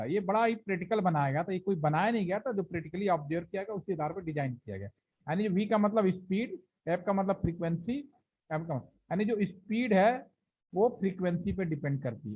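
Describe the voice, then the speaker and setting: A man's voice: sits high, husky, dull audio. A man teaching a training class, explaining step by step and asking and answering his own questions, with his speech. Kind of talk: classroom lecture.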